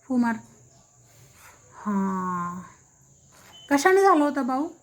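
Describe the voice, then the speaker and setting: A woman with a high voice talks slowly and gently to a small child at home. She coaxes in baby talk and repeats every prompt over and over to get the toddler to answer. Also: very animated. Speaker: family member coaxing a toddler to talk. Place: indoors at home.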